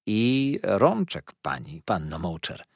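Man doing a chill amused young gent in an audiobook, mid voice, a bit husky. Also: sits low, wildly swooping pitch, takes it slowly, no room sound, clean studio sound, full character voice.

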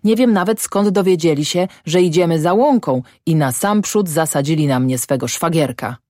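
A woman's voice: low voice, lively intonation, moderate pace, a little mellow, dry recording, studio quality. A woman voicing a shrewd, suspicious old peasant farmer who mutters and grumbles in rustic dialect. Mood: grumbling storytelling. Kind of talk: audiobook character voice.

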